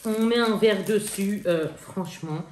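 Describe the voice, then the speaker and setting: A woman's voice: medium pitch, a little slow, darkish tone, slight background noise. A young woman in casual chat with her viewers, showing off things she bought. She talks in a slangy, chatty way and laughs often. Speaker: haul vlogger. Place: indoors at home. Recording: echoey room.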